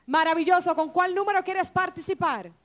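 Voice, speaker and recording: A woman's voice: very high-pitched, moderate pace, a bit bright. A Dominican woman hosting a TV game show and greeting callers. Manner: chatty, welcoming callers. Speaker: TV game show host taking calls.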